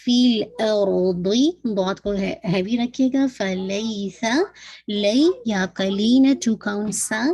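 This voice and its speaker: A woman with a Pakistani accent teaching an online Quran recitation class, patiently explaining and drawing words out slowly, syllable by syllable. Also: medium pitch, a little mellow.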